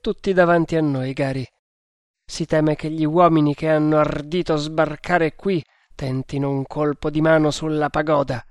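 A man voicing a grim, fanatical male cult sentinel who speaks loudly and solemnly. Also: on the high side, fairly even intonation, normal speed, clear, resonant tone, no echo, clean studio sound, lightly acted. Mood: solemn menacing.

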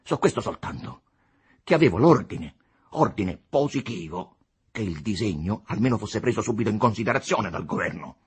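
A man voicing an agitated young male engineer who protests angrily and convulsively, with a husky voice. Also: on the low side, expressive, moderate pace, voice pushed up. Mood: indignant.

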